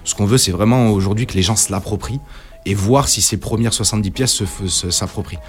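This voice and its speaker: Fast-talking French brand founder. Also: male voice, lowish voice, soft background music. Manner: animated, lots of filler words. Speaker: clothing brand founder, guest. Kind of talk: casual interview.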